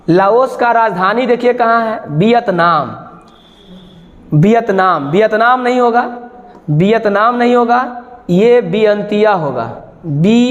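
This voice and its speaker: A man running an exam-prep lesson, joking through memory tricks and bursting into bits of song. His voice sits high for a man and stays playful, dwelling on each key word. The sound rings with a long reverb, as in a hard-walled classroom. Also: muffled recording. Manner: playful, sings snatches of songs and acts out little sketches; repeats key words slowly for memorising. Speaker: coaching teacher.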